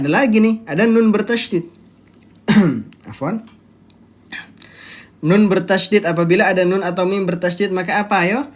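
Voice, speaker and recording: Patient teacher in a live online lesson. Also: mid-range voice. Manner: explains rules step by step and quizzes the students; draws out recited words slowly to demonstrate. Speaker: Quran recitation teacher.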